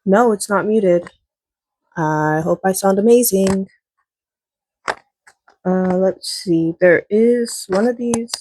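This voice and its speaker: A woman's voice: medium pitch, slow, long pauses, mellow, rough recording. A woman vlogging casually at home, chatty and rambling, through a small wireless clip-on mic whose noise reduction leaves processing artifacts. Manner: chatty, rambling, lots of fillers. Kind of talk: casual chat to camera. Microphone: wireless clip-on mic plugged into a phone.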